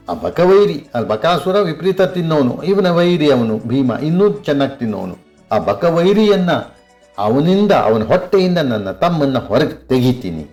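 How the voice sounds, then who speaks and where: A proud warrior king, wrathful and unbending, hurling vows of revenge with mounting force, as an older storyteller in his sixties voices him. The voice climbs higher as the threats build, with faint music underneath. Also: darkish tone. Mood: defiant. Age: 60s. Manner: boastful, vows revenge with rising emphasis.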